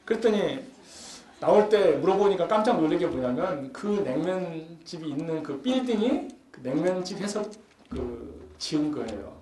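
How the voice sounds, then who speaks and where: A man's voice: a little high, animated, normal speed, warm tone. A man giving a conversational lecture at a forum, acting out everyday scenes and pressing his points with growing emphasis. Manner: chatty, acts out everyday scenes with rising emphasis. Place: lecture hall at a youth forum. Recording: echoey hall with faint background hum.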